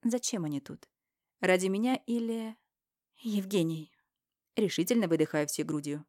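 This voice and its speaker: A woman narrating a first-person audiobook, dramatic and emotional, rising to shouts in dialogue. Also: lowish voice, expressive, brisk, dry recording, clean studio sound.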